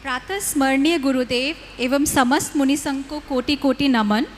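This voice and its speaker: A woman's voice: sits high, normal speed, slight background noise. A woman questioner putting a polished, formal question to a spiritual teacher with reverent address. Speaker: audience questioner, scientist. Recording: long hall reverb.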